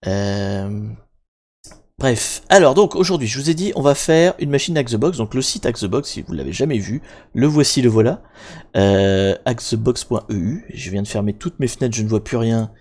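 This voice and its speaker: A man's voice: medium pitch, expressive, normal speed, darkish tone. A young man hosting a live stream, chatting casually and rambling with many fillers and self-mocking asides. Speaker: livestream host. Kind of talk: casual live-stream chat explaining hacking.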